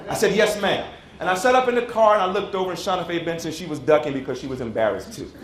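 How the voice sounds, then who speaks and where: A man's voice: a little high, racing. A man in his forties from Chicago, giving a motivational keynote in a conference hall, dramatic and acting out the voices. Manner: dramatic, acts out quotes, asks the audience. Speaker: keynote speaker. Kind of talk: motivational speech, storytelling. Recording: roomy hall with faint noise.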